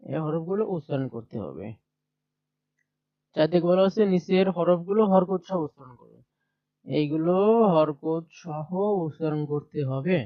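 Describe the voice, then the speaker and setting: Guy with high voice doing a screen-share lesson, repeats sounds, dry kinda dull mic. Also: normal speed, long pauses, dry recording. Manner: steady explanatory, repeats sounds aloud. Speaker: teacher.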